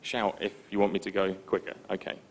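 A man giving a conference presentation in a relaxed, informal, self-deprecating way, with frequent ums. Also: deep voice, brisk, a little hiss or hum. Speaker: conference speaker. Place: conference stage before an audience.

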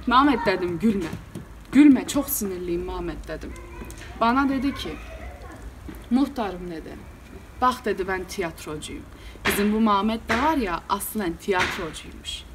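A woman playing an exasperated, hot-tempered male village headman in a solo storytelling performance, with an animated delivery. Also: medium pitch, slight background noise, lightly acted.

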